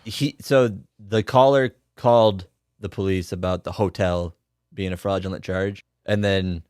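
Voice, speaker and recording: A man's voice: low voice, steady tone, measured pace, a little mellow, smooth, no echo, clean studio sound. A man co-hosting a casual podcast, bantering and acting out jokey little scenes. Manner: jokey, acts out bits and quotes in put-on voices. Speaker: podcast co-host.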